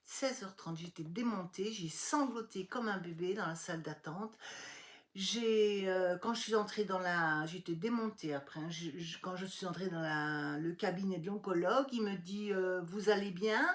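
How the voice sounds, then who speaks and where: A middle-aged woman telling a personal story in a casual vlog, acting out the lines of the people involved. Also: normal speed. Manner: animated retelling, acting out dialogue with rising pitch. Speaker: vlogger.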